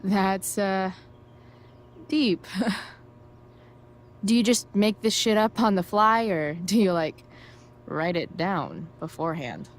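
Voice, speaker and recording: A woman's voice: mid-range voice, lively intonation, slow, long pauses. A woman playing a sardonic, rebellious teenage girl in a video game, talking in sarcastic, casual slang. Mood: awkward, wry.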